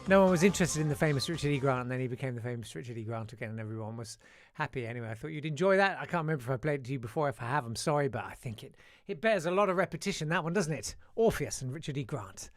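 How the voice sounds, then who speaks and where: A man's voice: mid-range voice, animated, racing, hardly any pauses, no echo, clean studio sound, soft background music. A man hosting a live show in a casual, wry way, reading out listener messages with frequent hesitations. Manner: chatty, wry, many "uh" hesitations. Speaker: radio-style show host.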